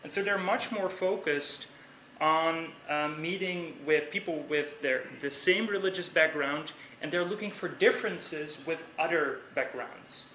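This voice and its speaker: A young Dutchman with a bright, fairly high voice delivers a thoughtful academic talk, measured but full of hesitations and restarts as he works through ideas. The audio is roomy, with faint lecture-hall hiss.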